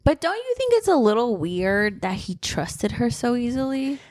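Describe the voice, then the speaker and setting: Animated young woman, very swoopy voice. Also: fairly high pitch, normal speed, no echo, studio quality. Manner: animated, swears freely. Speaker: book reviewer. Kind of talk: casual book review chat.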